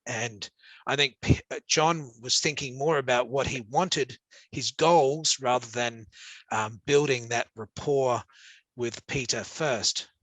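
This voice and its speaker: A man's voice: medium pitch, takes it slowly, a bit bright, dry recording. An Australian man teaching an interactive class, upbeat and joking as he hands out quiz points to encourage his students.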